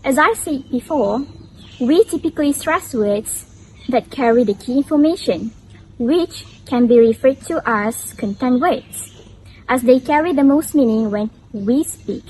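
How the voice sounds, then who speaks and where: A woman's voice: high-pitched, lively intonation, measured pace, mellow, slight background noise, poor audio. A young woman student presenting a scripted lesson on English pronunciation in a careful, explanatory way. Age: young adult. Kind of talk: scripted educational narration.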